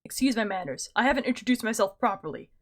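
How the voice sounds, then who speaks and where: A woman voicing a calm, secretive man who leads a hidden band of office rebels in a game, speaking in a measured, conspiratorial way. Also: mid-range voice. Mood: hushed formal.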